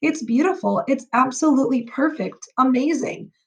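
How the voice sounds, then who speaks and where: A woman's voice: normal speed, gravelly. Woman reading as a playful, jokey dad. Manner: lively, theatrical, raises pitch for the lines. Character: playful father, a grown man, joking with his kids.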